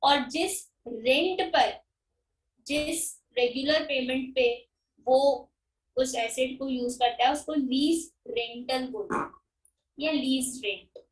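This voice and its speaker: A woman teacher giving a finance lecture. She explains slowly, repeats key terms and keeps checking that everyone understands. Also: high-pitched, distant mic. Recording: echoey room, speaker away from mic.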